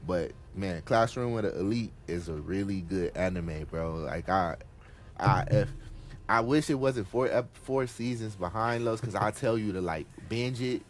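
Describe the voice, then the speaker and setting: A man hosting a casual podcast chat, retelling a story in an animated, slangy, excitable way. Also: lowish voice, measured pace. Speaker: podcast host.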